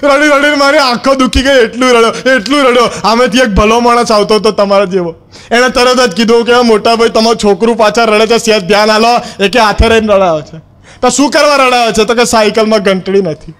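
A man's voice: extremely high pitch, brisk, a bit bright, clear, resonant tone. A male stand-up comedian telling a comic monologue in character as a cheeky schoolboy, acting out the other people's lines as he goes.

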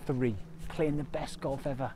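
Excitable man bantering on a golf course. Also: medium pitch, moderate pace, noisy background. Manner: excitable, self-mocking, loud reactions. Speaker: golf channel host.

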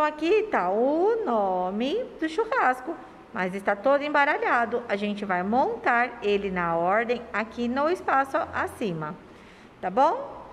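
A woman teacher from Brazil giving a lesson to young children, slowly stretching syllables and asking them questions affectionately. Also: a little high, in a large hall, a little hiss or hum. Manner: sing-song, stretches words and syllables slowly.

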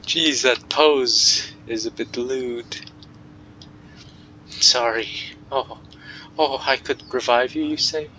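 A man's voice: mid-range voice, slow pace, pauses often, dull audio, slight background noise. A man giving joking, sarcastic commentary while he plays a video game. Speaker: gameplay commentator. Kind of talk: let's play commentary. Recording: game sounds loud behind voice.

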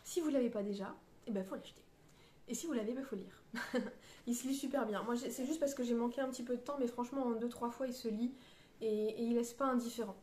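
A woman's voice: fairly high pitch, fast talker, darkish tone, reverberant, a little hiss or hum. A woman reviewing a novel in a casual book vlog, hesitant and searching for her words, with many fillers and restarts. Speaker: book vlogger. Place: on a beach.

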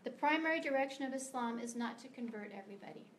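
Woman, middle-aged, from the United States, guest author, prepared talk, earnest, emphatic, slightly high voice. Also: fast talker, a little hiss or hum. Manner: earnest, emphatic, sometimes stumbling. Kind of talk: prepared speech to a meeting. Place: meeting room of a library.

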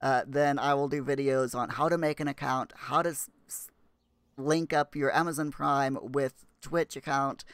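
A man's voice: mid-range voice, little pitch movement, moderate pace, a bit bright, smooth, no echo. Stammering man streaming a game. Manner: rambling, stammering restarts. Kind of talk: casual live-stream commentary.

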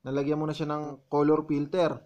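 A man's voice: fairly high pitch, completely flat delivery, fairly quick, a little mellow. Chatty male vlogger talking viewers through edits. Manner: walks viewers step by step, often calling them "mga tol". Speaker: vlogger explaining his editing. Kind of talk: casual tutorial voice-over.

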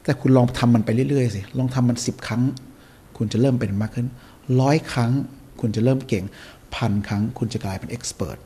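In a motivational podcast conversation, a man lectures emphatically, pressing his points through repetition. His voice is mid-range and dark with a breathy edge, and he speaks a little fast.

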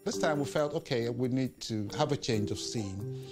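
A man in his fifties telling stories in a documentary interview, relaxed, sometimes acting out other people's voices. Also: medium pitch, normal speed, music in the background. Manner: relaxed storytelling, acts out quoted voices. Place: indoor room with art behind.

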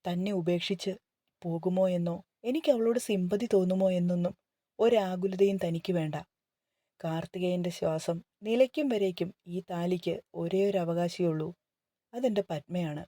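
A woman's voice: fairly low pitch, moderate pace, dark tone, no room sound, studio quality, natural voice. A woman reading the lines of a protective young husband in a romantic novel, firm and reassuring. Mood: earnest.

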